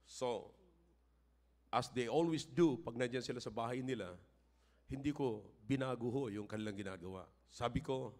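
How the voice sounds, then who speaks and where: An older man with a Filipino accent, a pastor giving a sermon that moves between emphatic, raised-voice appeals and relaxed personal storytelling. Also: fairly low pitch.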